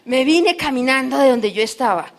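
A woman's voice: high voice, animated, normal speed. A middle-aged woman giving a live motivational speech to an audience, telling stories and asking the crowd rhetorical questions. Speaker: motivational business speaker.

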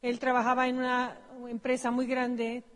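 A woman's voice: fairly high pitch, completely flat delivery, normal speed. A woman with a Mexican accent presenting a business seminar, telling her story casually with self-corrections. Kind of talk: personal storytelling on stage. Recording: long hall reverb.

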